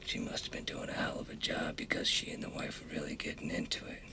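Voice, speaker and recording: A hushed, low-voiced army commander. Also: male voice, level tone, quick pace, gravelly, whispered. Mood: storytelling, hushed. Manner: hushed, clipped military orders. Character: calm, dry-humored male army commander. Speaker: commanding officer. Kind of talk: film dialogue.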